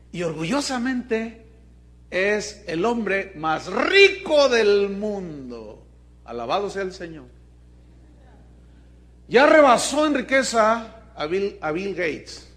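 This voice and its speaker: A pastor with a Mexican Spanish accent preaches to his congregation in a high, fairly bright voice. His delivery is emphatic, and he keeps putting questions to his listeners.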